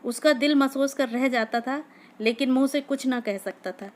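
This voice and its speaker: A woman reading a classic short story aloud in steady, measured narration. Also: high voice.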